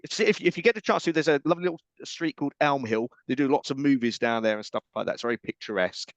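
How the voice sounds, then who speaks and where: Man, English, radio host, quick and animated, joking, dry dull sound. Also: medium pitch, dry recording. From England. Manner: jokey, teasing, rambling with restarts. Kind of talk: casual on-air interview chat.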